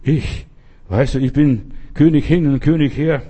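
A man voicing a sly, cunning male fox making his pitch in a spoken Christmas tale. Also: a little slow, dark tone, husky. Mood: persuasive.

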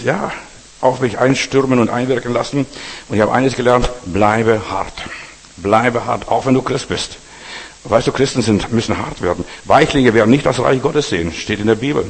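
A male preacher with a husky voice giving a blunt, exhorting sermon to his congregation; German is not his first language. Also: mid-range voice. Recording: long hall reverb.

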